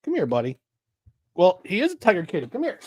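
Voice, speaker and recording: A man who is a journalist, guesting on a casual football talk show, playful and quick to correct. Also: sits high, wildly swooping pitch. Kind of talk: casual sports chat.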